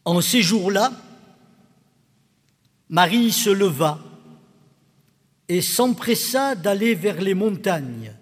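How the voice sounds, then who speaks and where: Slow, solemn pastor in echoing church. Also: male voice, high voice, husky. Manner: measured, solemn delivery. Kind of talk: liturgical scripture reading. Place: church sanctuary. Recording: long church reverb, faint organ music.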